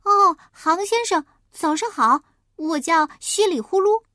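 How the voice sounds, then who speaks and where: A woman's voice: animated, unhurried, sharp tone, dry recording, clean studio sound, exaggerated voice. A woman doing a chirpy naive piglet boy. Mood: puzzled. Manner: high, eager, innocent chatter.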